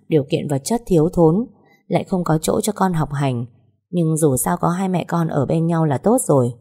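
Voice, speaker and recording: A woman narrating a first-person story in a measured, sorrowful way. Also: deep voice, dark tone, slightly rough. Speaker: audiobook narrator.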